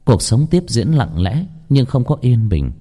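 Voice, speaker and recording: A man narrating a horror story in lively, colloquial storytelling. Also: mid-range voice, measured pace.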